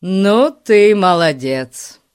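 A woman's voice: extremely low pitch, expressive, a little slow, a little mellow, no echo, clean studio sound, heavily acted. A woman voicing an eager, admiring boy in a storybook. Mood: excited. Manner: eager, apologetic.

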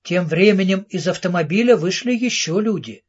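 Man, audiobook narrator, high husky voice, dull lo-fi recording. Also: lively intonation. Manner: measured storybook reading. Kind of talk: scripted narration.

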